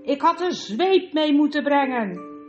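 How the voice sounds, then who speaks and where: A haughty witch queen speaks with cold scorn and open impatience, as a woman reads her aloud. The storybook recording sounds dull and lo-fi, with clear guitar music under it. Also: sits high, lively intonation, measured pace, a little mellow, pitched above the performer's own voice. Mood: impatient.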